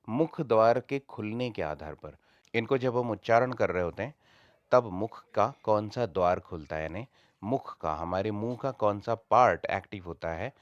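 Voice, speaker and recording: A man's voice: sits low, dry recording, highs cut off. A man teaching a lesson, patiently repeating each point in several ways. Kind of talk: explanatory lesson.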